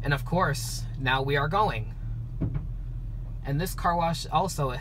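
A man's voice: on the high side, takes it slowly. A young man gives chatty, enthusiastic running commentary from inside a car in a car wash, filmed on a phone. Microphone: phone camera mounted on the dashboard. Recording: loud car and wash noise.

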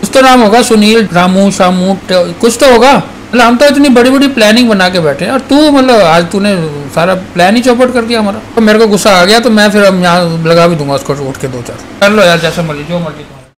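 A middle-aged father scolds his son at home in a stern voice set high for a man. His talk is blunt and threatening, with faint noise around him. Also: brisk. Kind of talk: family argument at home. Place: family home indoors.

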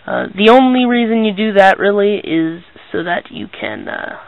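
A teenage boy giving a casual hands-on toy review in a hesitant, halting, low-key way. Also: no echo, narrow, tinny audio. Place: small bedroom, indoors.

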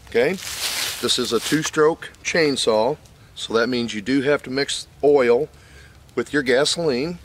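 An older man hosting his channel reviews a chainsaw in a wooded lot, casually explaining and demonstrating it. His talk is folksy and plain with fillers. His mid-range voice is captured by a camera mic with slight background noise.

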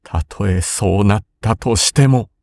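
A man's voice: fairly low pitch, a little slow, creaky, a little mellow. A man voicing a timid samurai older brother who is frightened but determined, speaking in a trembling, urgent voice. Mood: shaky resolve.

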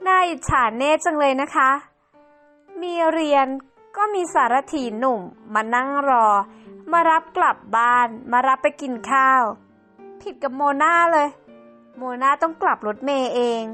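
A sly young mistress in a home-made game drama, sweet-talking with hidden scheming, played by a woman. The voice is high, with faint music under it. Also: a little slow, bright, forceful tone. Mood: sugary. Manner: sly, sugary.

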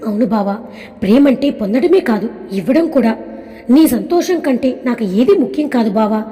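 A woman voicing an innocent, affectionate young wife who talks gently and pleadingly. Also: a little high, expressive, moderate pace, faint music behind, natural voice. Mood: tender. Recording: long reverb.

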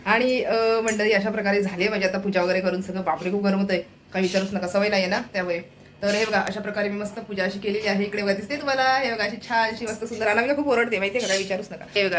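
A woman's voice: medium pitch, steady tone, quick pace, slight background noise. A woman chatting casually to her viewers in a home vlog, talking straight to the camera and cooing to her pet now and then. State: low-voiced from fasting. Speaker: vlogger.

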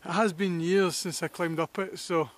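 Out on a hillside in snowy weather, a man from Scotland records an outdoor walking vlog, enthusiastic and reflective as he addresses the camera. He's a landscape photographer with a high voice, fairly even intonation and a moderate pace.

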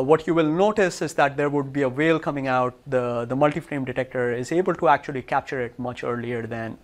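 A man's voice: medium pitch, creaky. A man presenting research in a lecture room, walking listeners through results on his slides in a technical talk.

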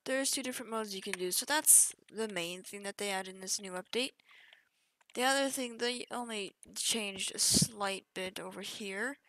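Over screen capture, a young female gaming YouTuber talks through a game update in a chatty, offhand walkthrough, frequently leaving sentences unfinished. Her medium-pitched voice sounds pushed and bright at a normal pace, and the recording quality is low.

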